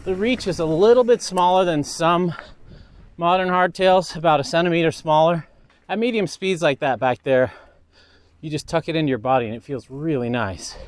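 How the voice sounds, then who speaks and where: A man's voice: a little high, moderate pace. Man giving a riding commentary outdoors. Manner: enthusiastic, talks while riding. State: a little winded. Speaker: mountain bike reviewer. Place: outdoors on a desert trail.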